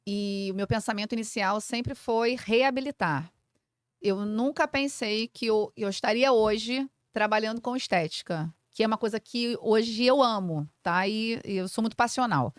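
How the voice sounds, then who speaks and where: A woman's voice: medium pitch, dry recording. A woman in her forties from Brazil, a clinic owner and physiotherapist, explaining treatments in a didactic, casual podcast chat. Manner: didactic, explains with simple comparisons and frequent fillers.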